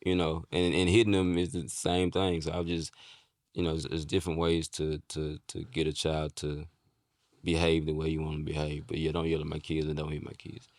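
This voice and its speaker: A man in a casual podcast chat, laid-back and halting, often restarting his sentences. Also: a bass voice, monotone, darkish tone, no room sound, studio quality. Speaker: podcast co-host.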